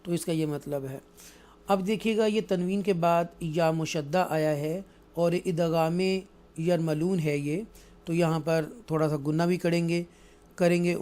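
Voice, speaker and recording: A man with a Pakistani accent teaching Quran recitation rules, alternating explanation with slow, drawn-out recited verses and often asking "right?". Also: fairly high pitch, steady tone, a little mellow. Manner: frequent checking "right?". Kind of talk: tajweed lesson, explaining and reciting.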